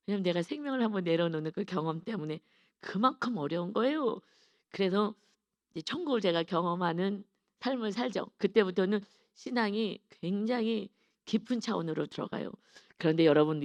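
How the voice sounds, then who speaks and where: A woman's voice: medium pitch, a little mellow, no room sound. A middle-aged woman pastor giving an earnest, confessional dawn sermon with emphatic stresses.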